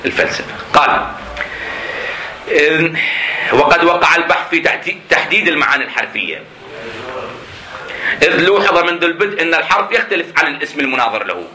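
A man's voice: on the high side, lively intonation, fast, long pauses, sharp tone, rough recording. A man lecturing a class, reading a text aloud and explaining it by asking and answering his own questions. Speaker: teacher of jurisprudence.

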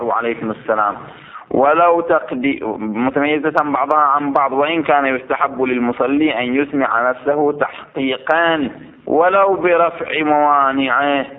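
A man teaching religious law to students. He explains a text, repeats his points and keeps checking whether they follow. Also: mid-range voice. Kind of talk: seminary lesson explaining a text. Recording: tinny phone-like recording.

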